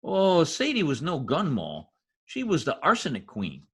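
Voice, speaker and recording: Over a husky-sounding video call from home, a performer plays Piggy, the lowlife gangland informant of a 1940s-style radio comedy-mystery, heavily acted with a medium, fairly bright voice, huge pitch swings, and a slightly slow delivery. The mood is sly and wry. Piggy wisecracks in shady, streetwise slang full of bad grammar.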